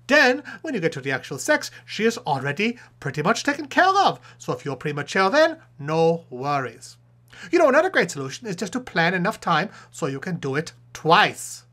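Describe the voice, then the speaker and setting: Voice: medium pitch, fairly bright tone. Hans von Puppet, a cheeky male puppet professor, as a performer puts him on. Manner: playful, jokey, drops to asides. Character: male puppet sex-advice professor, cheeky and self-amused. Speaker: advice show host. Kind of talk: comedic advice monologue.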